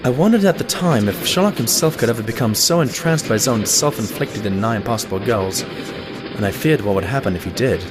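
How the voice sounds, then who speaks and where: An earnest pony doctor, played by a man, narrating his friend's cases in a mid-pitched, very expressive voice. It is radio-play storytelling with clear music underneath. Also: brisk, lightly acted. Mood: reflective narration. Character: loyal, earnest stallion doctor, exasperated detective's companion. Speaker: narrator and sidekick. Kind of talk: audio drama narration and dialogue.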